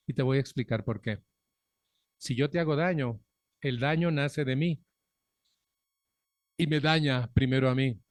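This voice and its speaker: A man's voice: mid-range voice, dry recording. Blunt middle-aged Mexican man testifying. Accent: Mexican Spanish. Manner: frank and earthy, with blunt profanity and direct questions to the audience. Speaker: speaker at a recovery group anniversary. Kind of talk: personal testimony talk to an audience. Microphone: microphone on a stand.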